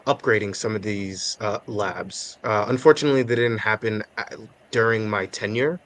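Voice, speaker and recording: Low-voiced young man from Haiti. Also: fairly bright tone. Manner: measured, thoughtful, with many filler pauses. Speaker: guest. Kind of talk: podcast interview.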